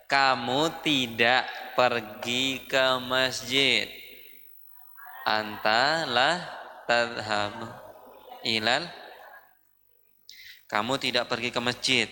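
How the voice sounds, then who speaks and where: A man with an Indonesian accent teaching an Arabic grammar class, drilling phrases slowly with his students. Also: mid-range voice, sharp tone. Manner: slow, drawn-out drilling with students. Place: mosque hall. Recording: long hall reverb.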